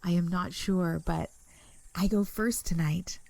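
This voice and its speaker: A woman reading an excitable young girl who speaks in an eager near-whisper. The voice is mellow and sits a little low, recorded close and dry. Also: measured pace, gravelly, dry recording.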